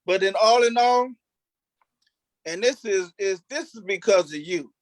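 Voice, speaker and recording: A stage actor being interviewed casually tells stories about himself. His voice sits high and moves a little slowly, and there's no echo on the recording.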